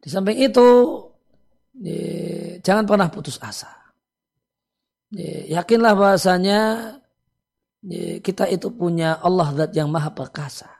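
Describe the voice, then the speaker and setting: A man, an Islamic cleric, giving calm religious advice to listeners, with many "eh" and "ya" fillers. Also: high-pitched, unhurried, creaky, long pauses, husky.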